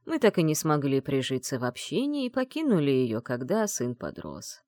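A woman reading the part of a gentle, sad old grandfather in an audiobook, speaking with sorrow and tenderness. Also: extremely low pitch, wildly swooping pitch, moderate pace, no room sound, clean studio sound, full character voice. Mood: sad, tender.

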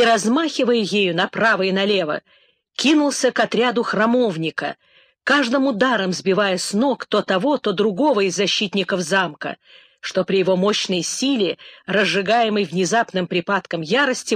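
A woman narrating a novel in a measured, even reading voice as an audiobook narrator. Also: mid-range voice, dry recording.

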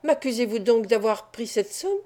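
Woman narrator as an accused man, indignant, desperate protests, mellow voice, storybook. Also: a little high, expressive, moderate pace, lightly acted.

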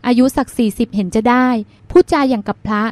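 A woman reading the part of a lively, teasing young woman in an audiobook, polite and chatty. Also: a little high, quick pace, no room sound, close to an everyday voice. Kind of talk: audiobook dialogue.

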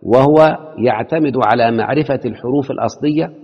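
A man's voice: mid-range voice, brisk, slightly rough. A man with an Egyptian accent teaching a classroom lecture, quizzing his students with rhetorical questions and mixing formal speech with colloquial asides. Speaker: teacher of Arabic morphology. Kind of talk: classroom lecture explaining a text. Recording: dull, echoey hall.

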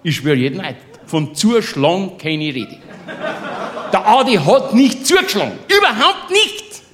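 Bavarian male comic storyteller, slightly high voice, boisterous, laughs through his own yarn, chummy asides. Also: big pitch swings, a little slow, slight background noise. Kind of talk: comic monologue in dialect.

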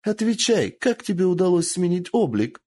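A man doing a shrill, cackling cruel lord. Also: very animated, moderate pace, mellow. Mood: cruel, commanding. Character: cruel gleeful male lord, sadistic.

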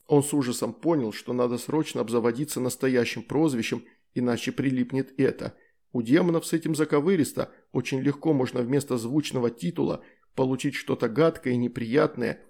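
A man narrating a fantasy story as an audiobook reader in a lively, character-driven way. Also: mid-range voice, vocal fry.

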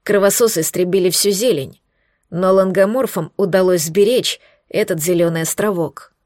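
A woman voicing a weak, hoarse wounded young man who speaks slowly and with strain. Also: on the low side, darkish tone, dry recording, studio quality, natural voice. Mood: weary.

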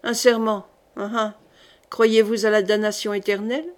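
A woman reading the part of a gruff older male jailer in an audiobook, speaking slowly and with quiet irony. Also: mid-range voice, level tone, natural voice. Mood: calm ironic.

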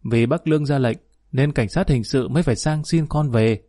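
A man's voice: mid-range voice, moderate pace, warm tone, no room sound, clean studio sound, natural voice. A man reading aloud and voicing a sulky, defiant young son of twenty-one in a storybook reading. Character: defiant 21-year-old son.

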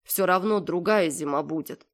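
A woman's voice: lowish voice, normal speed, lightly acted. A woman doing Manichka, a cold stubborn girl. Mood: flat. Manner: monotone, indifferent. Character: stubborn indifferent young girl, cold and flat.

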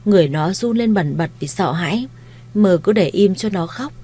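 A woman narrating a romance story in a steady, even reading voice. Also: medium pitch, normal speed, slightly rough.

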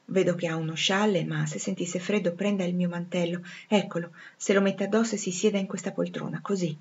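A woman reading the part of a brusque, commanding gentleman in a storybook reading, with curt orders given low and hushed. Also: fairly even intonation, fairly quick, close to an everyday voice. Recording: slightly dull lo-fi recording.

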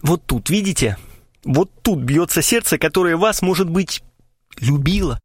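A man's voice: fairly high pitch, expressive, moderate pace, slightly rough, dry recording, pitched above the performer's own voice. A man doing a mock-tragic, quavering writer. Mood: mournful. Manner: pathetic, quavering declamation.

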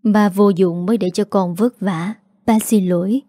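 A woman voicing a frail, sick old father who speaks softly and wearily. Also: mid-range voice, steady tone, unhurried, dry recording, studio quality, lightly acted. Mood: weary tender.

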